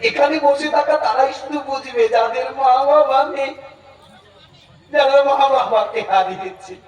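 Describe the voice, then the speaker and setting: A man's voice: extremely high pitch, some chatter behind. A male stage actor playing an anguished son who longs for his father, in an impassioned, pleading, melodramatic folk theatre style. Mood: tearful pleading. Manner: impassioned, pleading, drawn-out emotional delivery. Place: folk theatre pandal before an audience. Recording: echoey crowded stage PA from far off.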